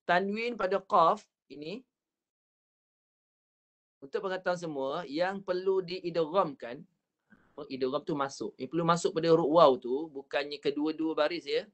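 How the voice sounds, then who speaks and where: Malaysian Malay male recitation teacher, fairly high voice, slow and repetitive, models each sound. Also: a bit bright. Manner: patient, repeats points, drawn-out recited syllables. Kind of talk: online Quran recitation class.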